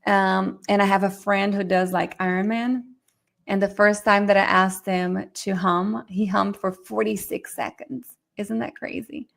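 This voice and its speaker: A middle-aged woman giving a live online lecture on therapy cases, talking fast and chatty and often addressing her audience directly. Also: mid-range voice, fairly even intonation, vocal fry. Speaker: myofunctional therapy instructor.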